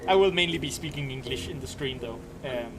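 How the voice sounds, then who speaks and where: A Danish-accented man gives casual live-stream commentary while gaming, speaking fairly quickly at medium pitch over music. He rambles and explains what he's doing, often restarting sentences and saying um.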